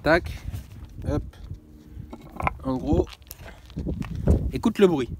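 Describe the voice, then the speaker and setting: A man's voice: fairly high pitch, expressive, extremely slow, heavy background noise. A young man casually explaining a car repair in a workshop, slangy and swearing, constantly saying "tu vois". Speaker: car mechanics vlogger. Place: garage workshop.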